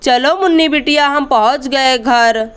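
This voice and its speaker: A woman voicing a fond old village grandfather in a doll story, doting and softly scolding. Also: sits high, unhurried.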